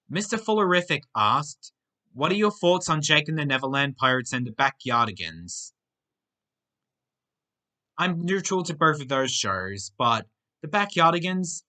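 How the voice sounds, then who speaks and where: Bright, lively young man. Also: medium pitch. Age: young adult. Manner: reads out questions, then gives short plain answers. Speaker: channel host answering viewer questions. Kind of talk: casual Q&A monologue.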